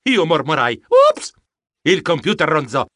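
Bright, animated male storybook narrator. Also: fairly high pitch, moderate pace, no echo, studio quality. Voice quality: theatrical, first-person storytelling. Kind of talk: expressive children's audiobook narration.

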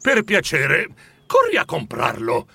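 A man's voice: high voice, sing-song, moderate pace, sharp tone, husky, no echo, studio quality, full character voice. Scrooge, a man doing a giddy old miser. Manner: gleeful, exclaiming, lilting. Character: elderly male miser overjoyed and giddy. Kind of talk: storybook character voice.

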